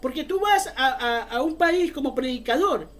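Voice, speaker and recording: A woman's voice: sits high, animated, normal speed. A woman preaching a fervent sermon, often calling her listeners brother.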